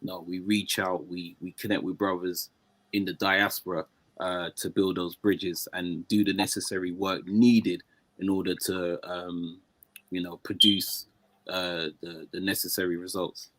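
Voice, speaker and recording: A man's voice: sits low, little pitch movement, unhurried, fairly bright tone, no echo. A man speaking as a guest in a casual conversation, with many fillers and restarts.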